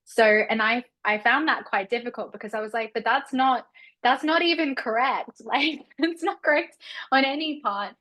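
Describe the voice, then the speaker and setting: A woman's voice: a little high, normal speed, bright, forceful tone. A woman, a researcher, talking in a workshop, musing and hesitant, with fillers and restarts. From Australia. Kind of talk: conversational workshop talk.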